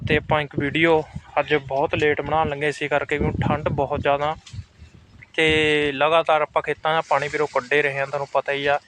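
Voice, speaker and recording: Higher-pitched Punjabi man, flat casual vlog talk. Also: low-quality recording. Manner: repetitive, addresses viewers as brothers. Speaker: farmer vlogger. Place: outdoors on farm fields. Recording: outdoor recording with clear background noise.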